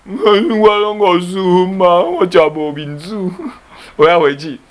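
A man's voice: high voice, steady tone, pitched above the performer's own voice. A man voicing a tearful young Buddhist nun who pleads with her teacher in Taiwanese Hokkien. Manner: pleading, drawn-out calls.

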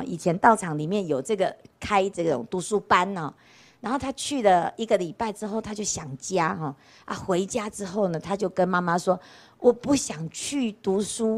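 A woman, a Buddhist nun giving a casual storytelling dharma talk and often asking her listeners "right?". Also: mid-range voice. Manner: chatty, keeps asking rhetorical "right?" questions. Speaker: Buddhist nun lecturing on scripture. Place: temple lecture hall.

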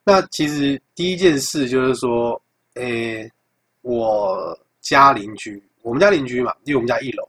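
Husky young Taiwanese man ranting. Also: medium pitch, normal speed. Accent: Taiwanese Mandarin. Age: young adult. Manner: animated, profane, acts out dialogue in quotes. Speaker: podcast host. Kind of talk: casual storytelling monologue.

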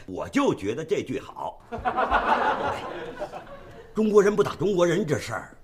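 An actor playing an excitable young soldier who talks eagerly. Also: male voice, high-pitched, takes it slowly, noisy background, full character voice. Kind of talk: radio drama acting.

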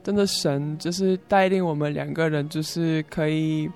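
A woman's voice: low voice, fairly even intonation, normal speed, darkish tone. A young woman from South Korea, a native Korean speaker, gives a personal testimony as a foreigner speaking Mandarin with a Korean accent, in simple, hesitant phrases with repeats. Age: young adult. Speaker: interview guest, student. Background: music.

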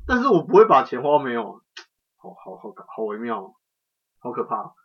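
Guy chatting back kinda far from the mic, husky, a bit high, muffled lo-fi. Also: big pitch swings, a little fast. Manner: laid-back, chuckling, swears casually. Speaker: podcast co-host. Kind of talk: casual chat. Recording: distant, dull lo-fi mic.

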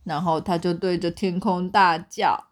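A young woman with a Taiwanese Mandarin accent reading a picture book aloud to her child at bedtime, in an animated storytelling way. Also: lowish voice, measured pace.

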